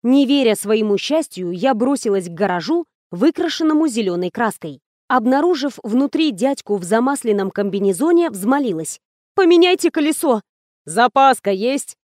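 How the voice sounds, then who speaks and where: A woman narrating a novel in the first person, in a lively, ironic reading manner. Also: a little high, normal speed, no echo, clean studio sound. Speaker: audiobook reader. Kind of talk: scripted narration.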